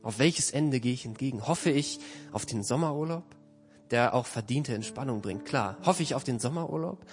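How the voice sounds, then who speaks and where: A man preaching a sermon in an earnest, measured way, letting his phrases trail off softly. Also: medium pitch, expressive, faint music behind.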